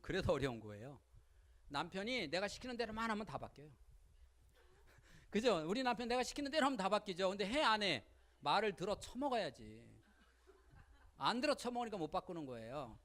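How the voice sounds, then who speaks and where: A woman giving a lively seminar lecture on parenting, speaking colloquially, often asking the audience questions and acting out little quotes. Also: medium pitch, a little fast, pauses often. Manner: colloquial, with frequent rhetorical questions and acted-out quotes.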